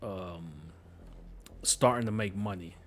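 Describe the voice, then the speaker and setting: A man's voice: lowish voice, takes it slowly, a bit bright, a little hiss or hum. A man with a New York accent chatting casually while streaming a game, rambling through stories with swearing. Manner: rambling, laid-back storytelling with profanity. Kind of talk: casual chat while gaming.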